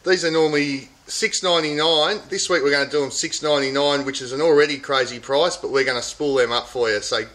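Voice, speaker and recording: Bright-voiced Australian tackle shop host. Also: male voice, fairly high pitch, steady tone, brisk, few pauses. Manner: chatty, upbeat salesman patter. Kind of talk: casual product and fishing report. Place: inside a large tackle shop. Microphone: camera at close range.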